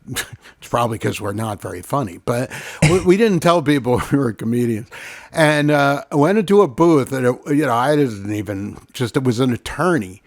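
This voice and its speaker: A man's voice: medium pitch, no room sound, studio quality. A man co-hosting a comedy show, cracking jokes and telling stories in casual banter. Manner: jokey, animated storytelling.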